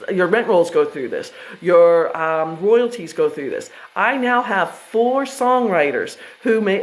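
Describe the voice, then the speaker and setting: American woman, 50s, mid-pitched, casual rambling presenter who restarts sentences often. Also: rough recording. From United States. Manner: chatty, self-interrupting, with frequent fillers and restarts. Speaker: trust educator presenting to investors.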